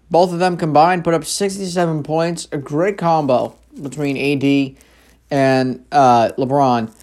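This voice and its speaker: A man's voice: on the high side, darkish tone. A young man casually recapping basketball games as a host, rambling with lots of fillers and self-corrections. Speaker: sports show host.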